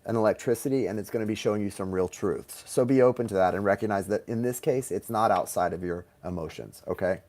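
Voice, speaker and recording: A man's voice: on the low side, fast talker, few pauses, a little mellow. Chatty man reading tarot live. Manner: chatty, reads viewer comments aloud, laughs easily. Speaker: tarot reader hosting live stream. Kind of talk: casual live-stream chat and readings.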